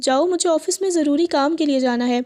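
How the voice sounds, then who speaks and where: A woman voicing a cold, short-tempered young husband, talking curtly and dismissively in a high, mellow voice. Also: close to an everyday voice. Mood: harsh. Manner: curt, dismissive.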